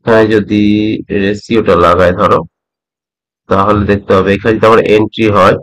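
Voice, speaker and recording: A middle-aged man from West Bengal teaching a trading method, talking slowly and repeating points, often checking that the listener follows. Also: on the low side, steady tone, fairly bright tone, rough recording. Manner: slow, repeats points, asks "ঠিক আছে?" often. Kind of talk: slow explanatory tutorial.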